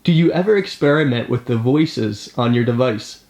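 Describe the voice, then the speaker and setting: A man's voice: mid-range voice, animated, moderate pace, darkish tone. A man interviewing a guest from off camera, asking short, plain questions.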